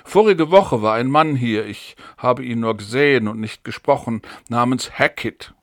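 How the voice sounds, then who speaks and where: A man's voice: medium pitch, moderate pace, dry recording, clean studio sound, lightly acted. A man reading the part of an earnest, trusting young woman in an audiobook, in a pleading tone.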